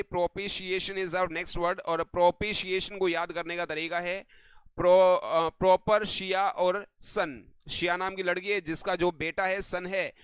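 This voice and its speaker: A man with a high, smooth, ringing voice runs an online vocabulary lesson. He keeps repeating stock affirmations and throws quick questions at his viewers. The sound is close and dry, with no room around it. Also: a bit bright, no room sound. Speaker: English vocabulary teacher.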